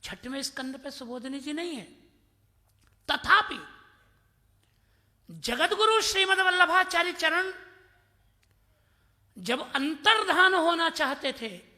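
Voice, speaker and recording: A devotional speaker in his fifties from Mathura tells scripture stories and recites Sanskrit verses, slipping into the voices of his characters. His voice is very bright and ringing. Long reverb trails off each line in the hall. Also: very high voice, animated, slow, pauses often. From Mathura, India. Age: 50s. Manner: storytelling, quoting Sanskrit verses; acts out voices in his anecdotes. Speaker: religious discourse speaker.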